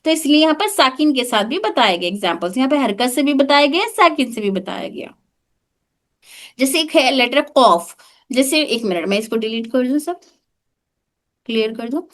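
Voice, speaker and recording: A woman's voice: sits high, expressive, normal speed, fairly bright tone. A woman teaching an online class on the sounds of Arabic letters, patiently demonstrating each sound and repeating it. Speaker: tajweed teacher. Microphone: video call.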